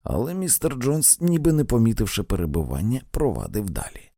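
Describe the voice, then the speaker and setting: A man narrating an audiobook in a measured literary reading style. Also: medium pitch, huge pitch swings, warm tone, dry recording, studio quality.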